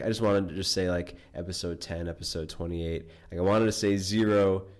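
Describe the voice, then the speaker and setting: Low-voiced man hosting a casual podcast. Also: darkish tone. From New York. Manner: rambling, loose, with frequent fillers. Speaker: podcast host.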